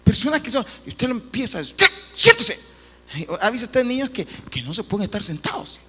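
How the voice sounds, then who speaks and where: A man preaching a sermon as pastor, earnest and animated, often breaking into acted quotes. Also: very high-pitched, quick pace, slightly rough. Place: church hall. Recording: reverberant church hall.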